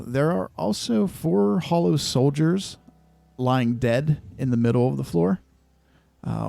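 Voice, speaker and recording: A man narrating a tabletop game as game master, describing scenes in a measured way with many fillers. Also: medium pitch, creaky, warm tone, no echo.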